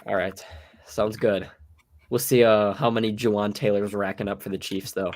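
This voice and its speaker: A young podcast host leads a relaxed conversation, and his illness and tiredness are audible. His low-ish, darkish voice is flat in delivery and moves at a normal speed as he runs the segment with ease.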